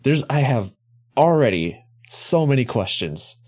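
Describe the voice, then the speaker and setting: A man's voice: mid-range voice, sing-song, unhurried, a little mellow. A man co-hosting a podcast in casual chat, rambling and joking, swearing freely and correcting himself as he goes. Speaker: podcast co-host.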